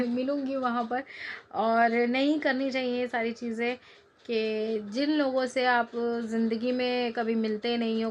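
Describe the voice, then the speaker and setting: With slight background noise behind her fairly high-pitched voice, a cooking vlogger in her thirties talks casually to the camera in a home cooking vlog. She is chatty and rambling, cracking jokes and laughing.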